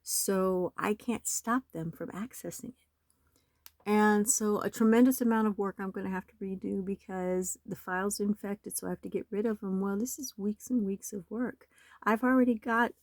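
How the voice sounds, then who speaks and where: A hoarse woman with a slight cold, talking in a rambling, aggrieved and urgent way in a home vlog. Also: mid-range voice, a little mellow, dry recording. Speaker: nonprofit website owner. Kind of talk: screen-recorded vlog. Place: home in the desert.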